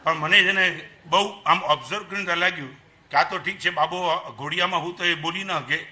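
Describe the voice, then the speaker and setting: An older man with a Gujarati accent giving a lively Jain sermon, dropping to soft asides and rising to loud emphasis, asking the audience questions. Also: fairly high pitch. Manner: animated preaching, swings between soft asides and loud emphasis. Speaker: Jain monk lecturer. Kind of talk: sermon to an assembly.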